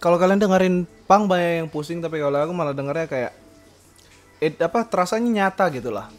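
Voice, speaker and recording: A young man hosts a casual solo podcast in a fast, expressive, fairly high voice, with faint music behind him. He rambles along with lots of fillers and self-corrections, laughing often.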